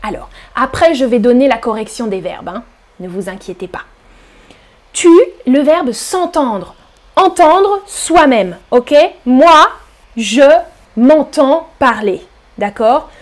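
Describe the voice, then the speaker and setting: A woman teaches French on a live stream in a high, light voice. She speaks slowly and clearly for her learners and now and then sings lines of a song to them. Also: lively intonation. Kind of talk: live-streamed language lesson.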